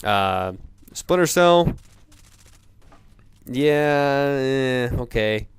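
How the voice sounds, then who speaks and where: A man in a profane off-the-cuff gamer rant, sounding drunk, rambling haltingly and repeating himself. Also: medium pitch, animated, clean tone, no echo. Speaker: gamer ranting about video games.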